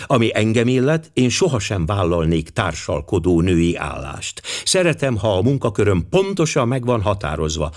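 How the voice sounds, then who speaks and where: A man voicing a prim, precise middle-aged female secretary who speaks crisply and matter-of-factly. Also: lowish voice.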